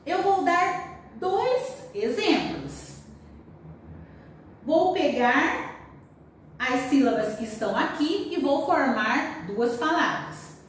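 A woman teacher with a Brazilian Portuguese accent, giving slow, clearly spelled-out instructions in a recorded lesson for children. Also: sits high, lively intonation, a little hiss or hum. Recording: roomy distant home recording.

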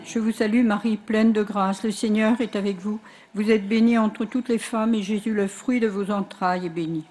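Female prayer leader, mid register, even recitation trailing softly, outdoor setting. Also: medium pitch, moderate pace, slight background noise.

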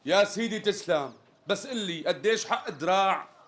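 An actor playing a hot-tempered customer in a TV sketch comedy, speaking with a Damascene Arabic accent and insisting on a straight answer. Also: male voice, high voice, lively intonation, normal speed, fairly bright tone. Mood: exasperated. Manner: exasperated, repeatedly demanding the price.

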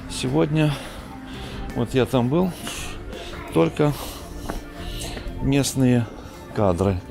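A middle-aged man giving a chatty, unhurried walking tour of city streets at night, coughing now and then, filmed on a handheld camera. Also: mid-range voice. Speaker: vlogger. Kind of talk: casual walking tour commentary.

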